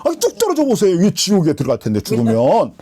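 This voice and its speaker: A woman pastor preaches in a church, telling a personal testimony with emotion and acting out the lines she quotes. Her mellow voice moves fast and swings hugely in pitch.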